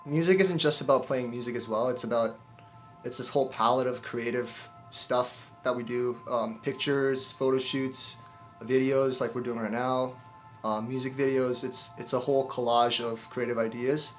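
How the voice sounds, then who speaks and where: Band guy chatting loosely, flat tone, faint music behind. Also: mid-range voice, normal speed. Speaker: band member. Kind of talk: casual interview answer.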